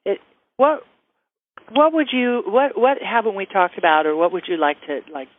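A man's voice: high voice, big pitch swings, normal speed. A man hosting a radio interview, enthusiastic and complimentary toward his guest. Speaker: radio host. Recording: tinny phone-like sound.

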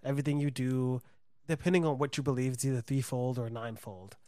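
A man's voice: medium pitch, fairly even intonation, fast, mellow, no echo. A man in a casual chat, talking hesitantly with many filler words.

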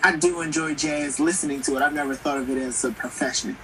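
A young man, a guest on a radio show, answering in a thoughtful, measured way. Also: on the high side, steady tone, bright, forceful tone. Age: young adult. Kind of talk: call-in radio talk. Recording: distant noisy mic.

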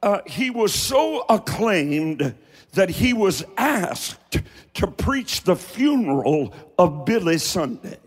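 A man with an Appalachian accent preaching a folksy, dramatic sermon with deliberate, theatrical emphasis and pauses. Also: high-pitched, very animated, breathy edge. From Appalachia, United States. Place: large hall, preaching to a congregation. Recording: echoing large hall with long reverb.

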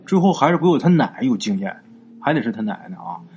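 A man telling a folk ghost story in a relaxed, chatty way, drawing out his sentence-final particles. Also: medium pitch, slight background noise. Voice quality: conversational, drawn-out particles.

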